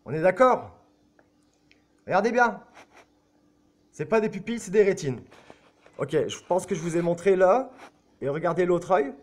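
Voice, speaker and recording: A man's voice: high voice, expressive, moderate pace, pauses often, darkish tone. A man talking to camera in a casual, insistent, repetitive way, often checking that his viewers agree and swearing now and then. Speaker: video blogger.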